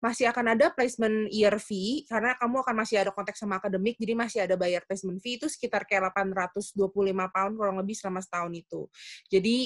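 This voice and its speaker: A woman's voice: medium pitch, fairly even intonation, quick pace, dry recording. A woman who moderates the webinar, reading out questions and explaining fees step by step. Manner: matter-of-fact, explains step by step. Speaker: webinar moderator and recruitment staff.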